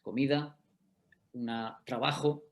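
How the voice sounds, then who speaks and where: A man's voice: medium pitch, steady tone, slow pace. A middle-aged man giving a law lecture in an online class, explaining step by step and often checking that listeners follow. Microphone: video call.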